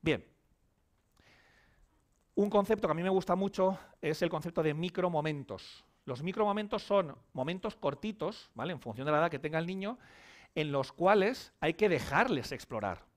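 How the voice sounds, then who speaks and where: A man's voice: fairly high pitch, animated, moderate pace. A man giving a conference lecture as a psychologist, emphatic, asking and answering his own questions. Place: conference hall.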